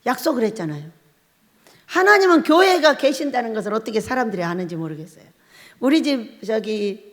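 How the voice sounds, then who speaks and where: Lively high-voiced woman pastor in a hall. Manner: storytelling, laughs often, acts out her own crying and shouting. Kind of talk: sermon with personal testimony. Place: church hall. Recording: long hall reverb.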